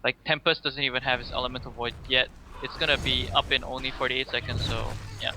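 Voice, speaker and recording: A man's voice: medium pitch, fairly even intonation, quick pace, pushed and bright, slight background noise, poor audio. A man giving casual color commentary on a video game match, hesitant, with many fillers. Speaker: esports co-commentator.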